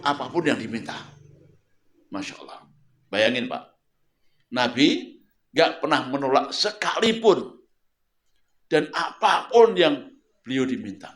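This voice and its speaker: Lively male preacher, echoey room. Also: mid-range voice. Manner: lively storytelling, questions the audience and repeats words. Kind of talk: sermon to a local congregation. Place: home of the preacher. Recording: roomy echo.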